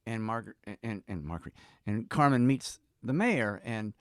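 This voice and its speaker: An older man from Georgia in the Deep South of the United States, a professional storyteller, appears as an interview guest. With a Southern US accent and an expressive, lowish voice at normal speed, he tells anecdotes casually, starting and stopping and acting out bits of dialogue. The recording is dry and clean, with studio sound.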